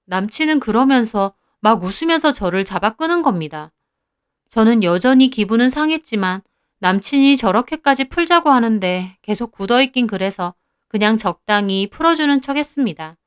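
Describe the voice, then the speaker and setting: A young woman narrating her own story in the first person, in an even, confiding way. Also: fairly high pitch, moderate pace, clean tone, dry recording, studio quality.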